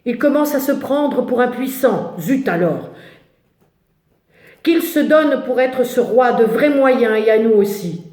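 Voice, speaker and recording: A woman's voice: on the high side, animated, takes it slowly, darkish tone. A woman voicing an anxious, indignant male disciple who grumbles and exclaims in a dramatic biblical story. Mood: scornful complaining. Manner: agitated, complaining, exclamatory. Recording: echoey, roomy sound.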